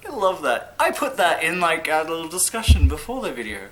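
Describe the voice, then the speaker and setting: A man co-hosting a casual anime discussion, playful and quick to laugh, tripping over long titles. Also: a little high, sing-song, a bit bright, slight background noise, low-quality recording. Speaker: co-host of an anime discussion channel. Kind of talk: casual chat.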